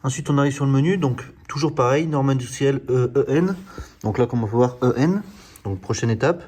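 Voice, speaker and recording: Fast-talking man with a mellow voice. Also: mid-range voice, breathy edge. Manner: explanatory, hesitant with many fillers and restarts. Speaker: car channel host reviewing a diagnostic tool. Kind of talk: hands-on product demonstration.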